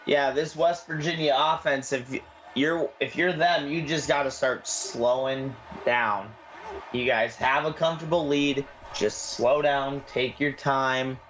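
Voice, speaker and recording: A man doing color commentary for an online football game, offering relaxed analysis with a bit of self-deprecation. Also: mid-range voice, measured pace, dull audio, a little hiss or hum. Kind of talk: sports commentary.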